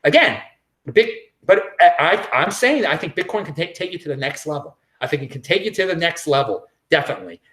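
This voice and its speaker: A man's voice: fairly high pitch, fast. A man hosting his own show, delivering an emphatic solo opinion monologue, repeating phrases for emphasis. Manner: emphatic, repetitive, animated. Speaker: show host.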